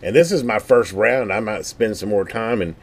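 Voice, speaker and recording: A scanner hobbyist gives a product overview in his lowish voice at a moderate pace. The demo is casual and unscripted, rambling and folksy, with him thinking aloud as he goes.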